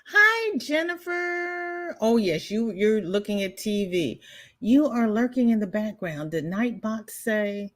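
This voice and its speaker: With a congested voice on the high side, a woman from the American South runs a crochet livestream, speaking slowly but animatedly. She rambles in a chatty way and reads viewers' comments out loud. She keeps breaking off and starting her sentences again.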